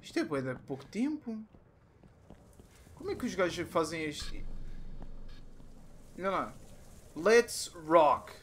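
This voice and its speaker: A young man with a European Portuguese accent talks through a horror game, muttering under his breath before breaking into sudden shouts. His voice sits high and bright, with a faint hiss of background noise behind it. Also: big pitch swings, a little slow, pauses often. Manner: jumpy, muttering to himself, bursts into shouts. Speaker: gaming youtuber.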